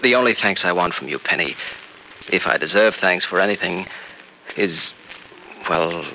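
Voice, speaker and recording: A gentle young doctor. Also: male voice, low voice, moderate pace, a little hiss or hum, full character voice, rough recording. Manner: gentle, coaxing, earnest. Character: young male doctor, kind and reassuring. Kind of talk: 1940s radio acting.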